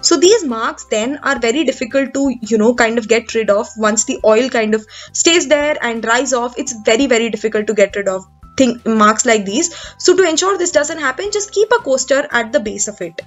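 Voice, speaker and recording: A woman's voice: fairly high pitch, moderate pace, faint music behind. Chatty young woman, kitchen tips voice-over. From India. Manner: conversational, with frequent fillers and restarts. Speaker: home vlogger.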